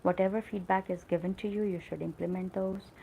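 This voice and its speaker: A middle-aged woman with an American-tinged accent teaches English in an earnest, encouraging live-stream talk, often pausing on "uh" and "you know". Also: mid-range voice, steady tone, vocal fry, dark tone, a little hiss or hum, poor audio. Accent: American-tinged English learned in call centers.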